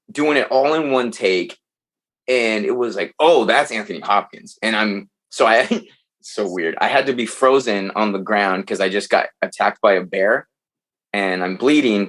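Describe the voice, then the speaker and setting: A man with a fairly low voice tells stories as a podcast guest in loose, casual talk. He is animated and swears freely. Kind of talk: casual chat.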